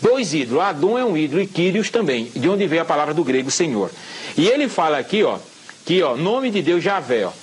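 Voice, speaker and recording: A man, a guest Bible scholar on a talk show, slowly explaining Hebrew letters and often checking "tá certo?". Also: on the high side, sing-song, a little hiss or hum.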